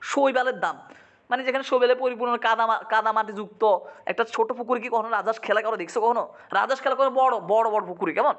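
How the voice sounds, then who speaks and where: A man, teaching a poem line by line. He asks quick check-in questions, repeats meanings, and sometimes slips into English. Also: very high-pitched, fairly bright tone, highs cut off. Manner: dramatizes quoted lines, mixing in English. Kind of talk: poetry lesson, line-by-line explanation.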